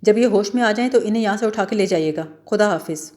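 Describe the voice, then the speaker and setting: A woman's voice: mid-range voice, a little mellow, close to an everyday voice. A woman voicing a spirited young woman who is sarcastic and curt in a story read aloud. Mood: stern. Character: lively, sharp-tongued young woman, spirited and proud.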